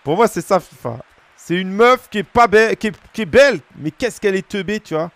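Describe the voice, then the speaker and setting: A man's voice: high voice, brisk, fairly bright tone, no room sound. A man in his thirties from France, streaming a football game and bantering with his chat in slangy, joking asides. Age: 30s. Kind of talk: casual gaming stream chat.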